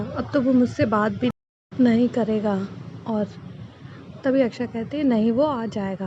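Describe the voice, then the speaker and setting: High-voiced woman recapping a serial. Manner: storytelling, reads characters' lines in plain voice. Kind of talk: casual spoken recap. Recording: dull lo-fi, noisy.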